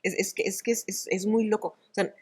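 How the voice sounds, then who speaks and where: A middle-aged woman, an actress and oral storyteller, talking in an interview in an animated, expressive way. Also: medium pitch, fairly quick, slightly rough. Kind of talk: conversational interview.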